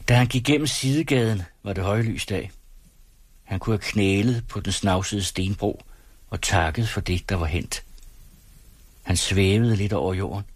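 En mand, der læser en novelle op i et roligt, afmålt tempo. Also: male voice, fairly low pitch, breathy edge, dry recording. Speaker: audiobook narrator. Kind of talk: scripted narration.

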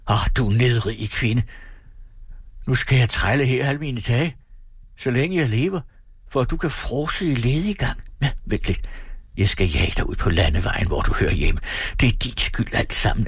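A man voicing a blustering, greedy man who swings between rage and self-pity, ranting and accusing in a husky voice. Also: lively intonation, no echo, studio quality. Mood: furious, bitter. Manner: ranting, accusing, shrill when furious.

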